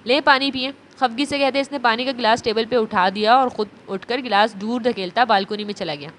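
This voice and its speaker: Woman narrating a novel in a steady voice. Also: a little high, a little hiss or hum.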